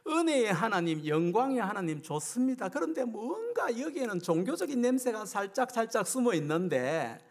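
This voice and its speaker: Middle-aged male revival preacher with a high-pitched, animated, emphatic delivery built on rhetorical questions. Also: normal speed, few pauses. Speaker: guest preacher at a revival meeting. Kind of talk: sermon.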